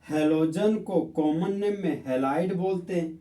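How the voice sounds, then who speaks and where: A man teaching a chemistry lesson, explaining step by step in a slow, friendly way and often addressing students as friends. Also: on the high side, dark tone. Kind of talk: classroom lesson. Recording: echoey room, voice from far off.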